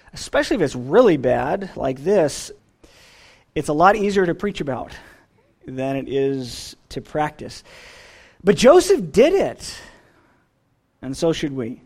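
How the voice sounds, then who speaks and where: A preacher giving a sermon in an expressive way, often letting phrases fall away softly at the end. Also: mid-range voice.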